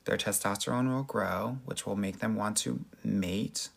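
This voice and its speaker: A man with a Southern Californian Valley accent hosts a casual live question-and-answer chat, giving dating advice in a sassy, slangy way with a husky, gravelly voice. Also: lowish voice, unhurried. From Southern California, United States. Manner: sassy, slangy, addresses viewers as girl.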